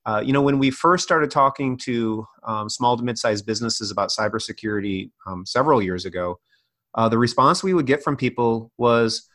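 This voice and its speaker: A man's voice: medium pitch, a little fast, fairly bright tone, dry recording, studio quality. A middle-aged American man from North Dakota, talking conversationally as an expert guest in a business interview. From North Dakota, United States. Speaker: IT company owner, interview guest.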